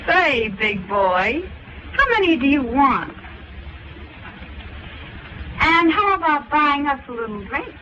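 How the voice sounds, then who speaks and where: Stagey, slow-talking flirtatious vamp. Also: female voice, high-pitched, sing-song, exaggerated voice. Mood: coaxing. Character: flirtatious, slangy 1920s vamp cadging drinks. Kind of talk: stagey old movie acting, early talkie. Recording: dull, noisy 1929 film soundtrack.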